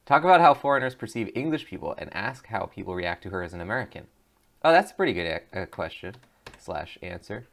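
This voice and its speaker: A man with a medium-pitched, slightly bright voice runs a let's play. He reads out each option and cracks jokes about it, breaking into frequent laughter.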